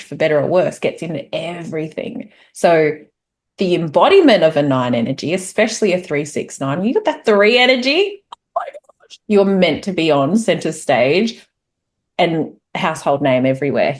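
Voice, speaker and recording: A woman hosting a casual group chat, bubbly and enthusiastic. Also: low-pitched. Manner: bubbly, enthusiastic, fast-rising excitement. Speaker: host.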